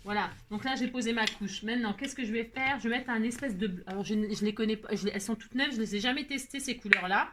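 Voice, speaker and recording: A woman's voice: a little high, fast talker, hardly any pauses, background noise. A woman hosting a casual craft tutorial, chatty and playful, teasing herself and filling her talk with fillers. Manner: chatty, playful, self-mocking, many fillers. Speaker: crafting video host.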